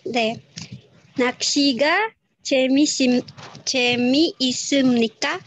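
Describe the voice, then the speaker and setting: A woman student reading example sentences aloud in an online class, carefully and haltingly, correcting herself as she goes. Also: sits high, slight background noise. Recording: dull lo-fi video call audio.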